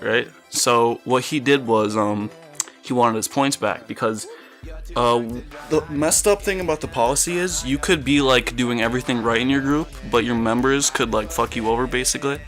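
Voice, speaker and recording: A man's voice: mid-range voice, normal speed, a bit bright, faint music behind. A teenage male telling a casual, rambling story as video commentary, with slang and mild swearing. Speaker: gameplay commentary video creator.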